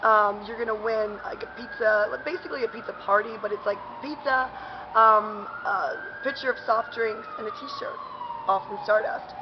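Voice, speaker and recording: A woman's voice: on the high side, wildly swooping pitch, moderate pace, muffled recording, noisy background. A woman hosting a casual local events vlog, talking in a chatty, upbeat way with lots of fillers, outdoors in a parking garage while chewing gum. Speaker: host.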